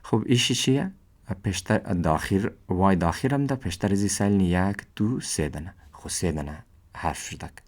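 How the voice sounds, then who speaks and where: A man gives an English pronunciation lesson. He sounds out each example word slowly and says it twice, like a patient teacher. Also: low voice, a little mellow.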